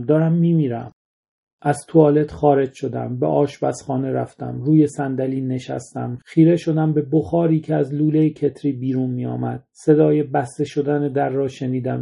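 A man's voice: medium pitch, gravelly, warm tone, slightly rough. A man reading a somber first-person short story aloud as its narrator.

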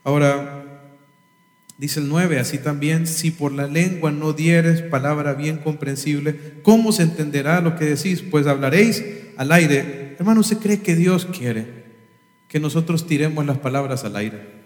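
A man's voice: a little high, measured pace, a little mellow. A man preaching a sermon from the pulpit, emphatic and full of rhetorical questions. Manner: emphatic, rhetorical questions, imitates instrument sounds. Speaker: pastor. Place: church sanctuary. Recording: echoey hall, reverb.

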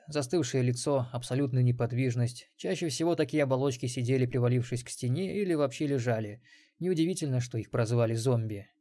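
A man reading an audiobook in a measured, even narration. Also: medium pitch, no room sound. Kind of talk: scripted narration.

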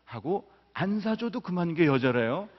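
A man's voice: high voice, moderate pace, a little hiss or hum. A middle-aged male business professor giving a public lecture, telling anecdotes and acting out the quotes. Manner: lively storyteller acting out quotes. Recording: roomy hall, dull lo-fi sound.

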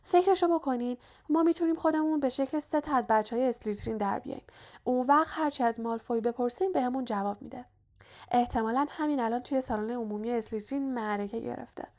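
A clever, cautious young schoolgirl witch played by a woman reader speaks in a high, hushed, knowing voice. She is careful and quick in this audiobook. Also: lightly acted.

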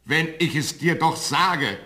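Insistent old farmer. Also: male voice, a little high, unhurried, sharp tone. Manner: insistent and matter-of-fact. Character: old farmer, father of a giant. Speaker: father. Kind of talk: radio play acting.

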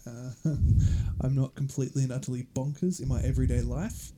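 A man's voice: mid-range voice, fairly even intonation, a little fast, very noisy. A man with an Australian accent, hosting a casual podcast and reading history aloud in a laid-back, chuckling way. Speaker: podcast host.

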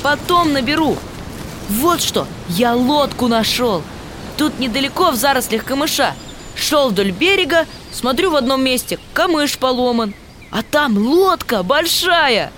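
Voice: high-pitched, lively intonation, measured pace, a bit bright, slight background noise. A performer playing an eager, observant schoolboy who earnestly reports his finds in a radio adventure drama. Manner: earnest, reporting what he has found.

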